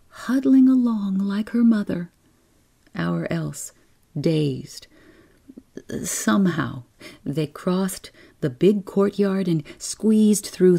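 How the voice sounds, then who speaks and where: A woman narrating a bedtime story in a soft, hushed, half-whispered reading. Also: fairly low pitch, vocal fry, breathy edge.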